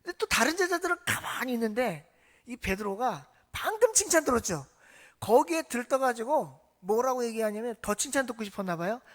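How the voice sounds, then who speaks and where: A woman pastor preaching a sermon with lively, swooping pitch and a fairly high voice. She tells stories and keeps turning to the congregation with questions. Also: brisk. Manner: animated storytelling that asks the congregation questions.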